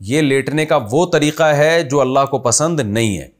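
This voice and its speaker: A man's voice: mid-range voice, normal speed. Pakistani man answering religious questions. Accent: Pakistani Urdu. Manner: conversational, explains with examples. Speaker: Islamic scholar answering questions.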